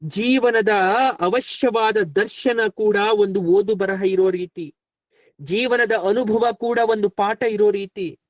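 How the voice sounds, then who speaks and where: A man voicing the sage Vyasa, an elderly figure who admonishes gravely in a fatherly way. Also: high-pitched, slow, dry recording. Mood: admonishing.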